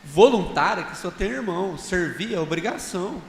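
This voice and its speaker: A man's voice: high voice, expressive, normal speed, a little hiss or hum. A man speaking on a church conference panel in a casual talk style, telling stories and asking the audience rhetorical questions. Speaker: conference panelist sharing reflections. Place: large church hall. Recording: echoey hall with long reverb, faint ambience.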